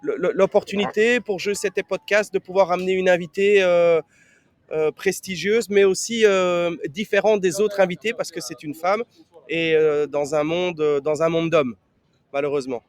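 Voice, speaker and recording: Male podcast co-host, notably high-pitched voice, casual and rambling. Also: steady tone, moderate pace. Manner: rambling, often rephrasing. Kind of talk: casual conversational explanation.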